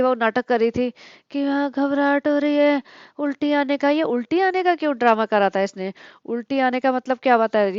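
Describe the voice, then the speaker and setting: Woman commentary vlogger, mocking and scolding, high voice, slightly muffled recording. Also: clean tone, no echo. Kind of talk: critical commentary on other vloggers.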